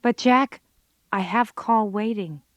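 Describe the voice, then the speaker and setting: In a comic radio drama, an actress plays a sardonic, exasperated office computer worker who mutters wry asides. She sounds reproachful, speaking slowly at medium pitch in a natural voice, recorded dry.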